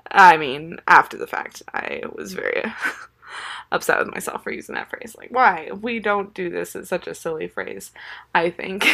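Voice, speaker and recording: A young mother chats through a story in a lowish voice, full of "like" and "um". She laughs often as she talks. The delivery is relaxed and unscripted, like a casual podcast monologue. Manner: chatty, laughs often, filler "like" and "um".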